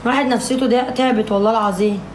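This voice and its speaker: A woman's voice: a little high, fairly even intonation, racing, slight background noise. A woman with an Egyptian Arabic accent chatting on a casual livestream, bickering and complaining at her viewers. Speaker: live streamer. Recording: echoey room.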